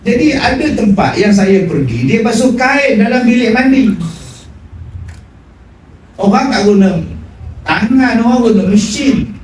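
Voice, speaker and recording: Man, sermon, animated storytelling, distant phone recording, hall echo, room noise. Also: unhurried, long pauses. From Malaysia. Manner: animated storytelling, acting out dialogue with sharp pitch swings. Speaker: preacher. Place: prayer hall. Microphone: phone recording from the audience.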